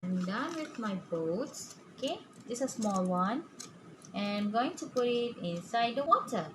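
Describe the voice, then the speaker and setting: Slow, high-voiced woman, kids show host. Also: big pitch swings. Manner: kids show host delivery, asking questions and counting along; halting, often punctuated with "okay?". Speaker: preschool science teacher presenting a demonstration. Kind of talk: simple step-by-step lesson for young children. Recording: clearly noisy room recording.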